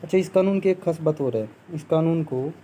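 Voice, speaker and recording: Here the young Hindi exam-prep teacher's voice is fairly high and warm, moving a little fast over slight background noise in poor audio. He breaks down each step, asks the class questions before answering them himself, keeps saying "theek hai," and jokes by acting out scoffing onlookers.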